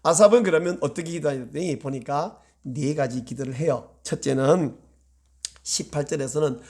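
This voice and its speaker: A male pastor preaching a sermon, swinging from loud, pressing appeals to hushed, near-whispered prayer. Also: a little high, moderate pace.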